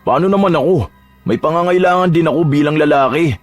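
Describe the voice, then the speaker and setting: A man's voice: medium pitch, moderate pace, soft background music, natural voice. A man voicing a young boyfriend who talks in a pleading, sulky way in a dramatized story.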